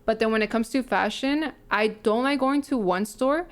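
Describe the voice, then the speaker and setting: Thirties woman on a podcast, smooth clear voice, rambly and chatty, lots of um and like. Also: on the high side, normal speed. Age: 30s. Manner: chatty, rambling, many fillers and restarts. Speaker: podcast co-host. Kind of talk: casual chat.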